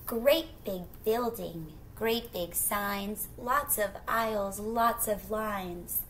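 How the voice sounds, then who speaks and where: In a small room at home, a middle-aged woman reads a children's picture book aloud with lots of expression, stretching out the rhyming phrases, asking her young listeners questions and making casual asides. Her voice is medium-pitched. The recording is rough, with slight background noise.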